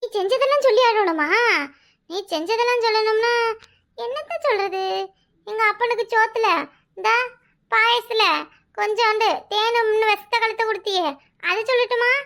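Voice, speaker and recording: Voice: very high-pitched, normal speed, pauses often, a bit bright. A performer voicing a sly, wheedling adult village daughter in a cartoon, with a Kanyakumari Tamil accent and a mock-innocent way of asking. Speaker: cartoon character. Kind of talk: comic cartoon voice acting.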